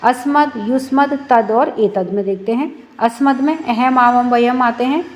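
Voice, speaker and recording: A woman with a high voice teaches a class. She explains patiently, poses questions and answers them herself, and recites word forms slowly one after another.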